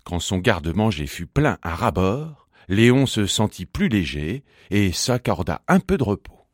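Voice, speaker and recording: Male narrator for a children's story: unhurried, singsong and lively in pitch, dry sound. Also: no room sound.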